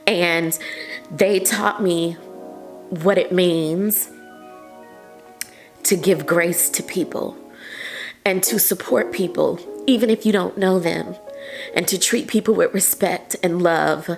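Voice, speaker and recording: A woman's voice: on the low side, slow pace, vocal fry, long pauses, soft background music. A woman vlogger talking casually to camera, earnest and encouraging as she gives advice. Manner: earnest and encouraging, often says "like" and "you know". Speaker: vlogger sharing patient advice. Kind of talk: casual heartfelt talk to camera.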